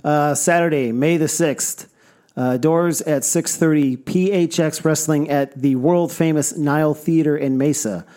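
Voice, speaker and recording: Relaxed forty-year-old man, plain voice. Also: a little high, a little slow. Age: 40s. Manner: relaxed, plain, with many uh fillers. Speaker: music producer and guest. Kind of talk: casual chat.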